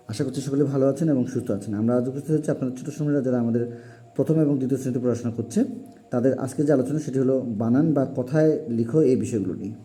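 A man teaching a spelling lesson in a formal, repetitive way, with frequent pauses. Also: mid-range voice, dark tone. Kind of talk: classroom lesson for parents and young pupils.

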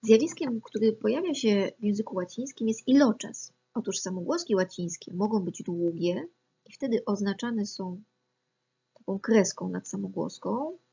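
A woman gives a methodical lesson, carefully explaining pronunciation rules and sounding out examples. Her voice is husky. The recording is a little dull and lo-fi. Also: mid-range voice. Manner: calm, methodical, spells out examples. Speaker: Latin teacher.

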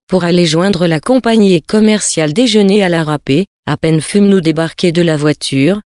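A reader narrating an old tale in a measured literary reading style. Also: mid-range voice, darkish tone, no echo, studio quality.

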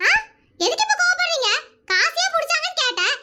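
A woman's voice: very high voice, sing-song, a little fast, heavy background noise. A woman voicing a quarrelsome, nagging village wife in a cartoon, needling with mocking questions. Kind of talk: cartoon voice acting.

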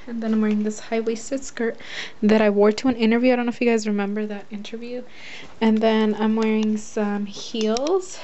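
With a voice a little high and darkish in tone, a young American woman rambles informally through a casual, chatty vlog, saying "like" often. She films in her closet and bedroom, holding the camera at arm's length. The handheld camera audio is dull and noisy.

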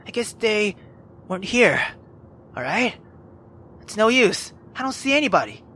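A woman hosting a let's play, reading a visual novel aloud with loud, profane, emotional reactions. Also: mid-range voice, slight background noise.

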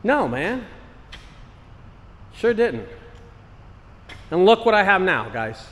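A man's voice: on the high side, fairly bright tone. Earnest man in his forties vlogging. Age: 40s. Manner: earnest, repetitive motivational pep talk. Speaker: business owner vlogger. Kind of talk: casual walk-and-talk vlog. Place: outdoors and in a large empty warehouse. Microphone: wireless earbud mic, handheld camera. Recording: faint outdoor noise.

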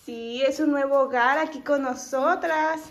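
A young woman talks to her phone camera at home and in the car. Her voice sits fairly high, and the faint noise behind her never goes away. She chats easily to viewers and turns soft and doting when she speaks to her daughter. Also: fairly even intonation, measured pace. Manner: chatty, switches to soft affectionate baby talk with her daughter. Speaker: family vlogger and mother. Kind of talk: casual vlog chat.

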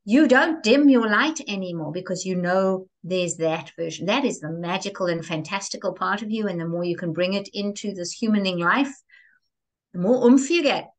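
A woman speaking as a guest in an interview, expressive and theatrical, with lively emphasis on key words. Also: medium pitch, normal speed. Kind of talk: enthusiastic interview conversation.

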